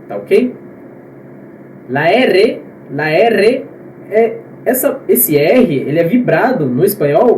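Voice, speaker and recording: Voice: mid-range voice, dark tone, recorded from a distance, slight background noise. Teacher in an echoey room. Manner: explains step by step, checks in with the class often. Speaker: Spanish teacher. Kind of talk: video lesson on pronunciation.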